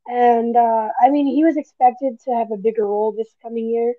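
A woman's voice: fairly high pitch, fairly even intonation, brisk, dry recording. A woman co-hosting a podcast, chatting casually and gushing like a fan, with plenty of fillers. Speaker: podcast co-host. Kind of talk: casual chat. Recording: tinny phone-like line.

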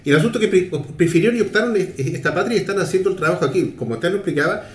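A man hosts a radio talk show, his questions long and wandering. His pitch swings widely as he talks. The room rings with echo. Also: racing. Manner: expressive, rambling questions. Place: radio studio.

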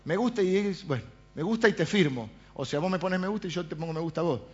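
A man preaching a sermon, asking rhetorical questions and often dropping to a quiet aside. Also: sits high, rapid-fire, dull audio, soft background music.

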